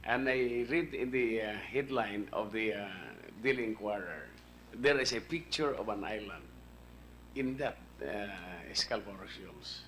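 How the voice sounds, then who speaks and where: Low, deferential witness. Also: male voice, unhurried, fairly bright tone, a little hiss or hum. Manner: deferential, brief answers. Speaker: official testifying. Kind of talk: hearing testimony.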